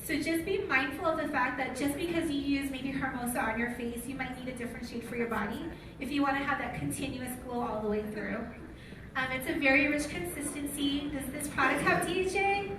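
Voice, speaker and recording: A high, brisk female voice belongs to an American woman from Utah who is running a live product training in a large room before an audience, keeping it informal and asking the crowd questions. The recording is noisy and echoey, captured on a distant mic.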